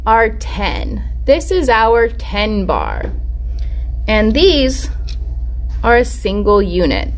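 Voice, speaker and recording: A woman teaching young children like a kids show host, encouraging, with simple phrases and sing-song check-in questions. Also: fairly high pitch. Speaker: Montessori preschool teacher. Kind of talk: live children's lesson.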